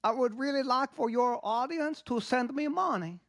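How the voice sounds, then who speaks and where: A man voicing a greedy, easily offended male puppet chef, talking in a deadpan, childlike way in a comic podcast bit. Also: extremely high pitch, moderate pace, creaky, no room sound, studio quality.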